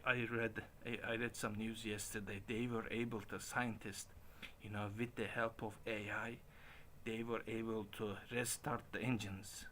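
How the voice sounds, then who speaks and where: A man in his late forties talking casually in a halting way, with frequent restarts and chuckles. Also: on the low side, bright, forceful tone, a little hiss or hum. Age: 40s. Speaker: stream host. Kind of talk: casual rambling monologue.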